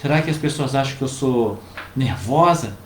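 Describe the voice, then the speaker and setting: Calm man explaining advice. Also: medium pitch, normal speed. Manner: calm, explanatory, addresses viewers directly. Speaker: co-host giving family advice. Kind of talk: casual advice chat. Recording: roomy with faint background noise.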